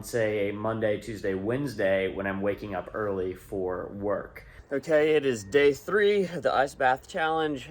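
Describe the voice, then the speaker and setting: A man giving casual, informal updates to camera as a vlogger. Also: medium pitch. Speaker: vlogger documenting a challenge.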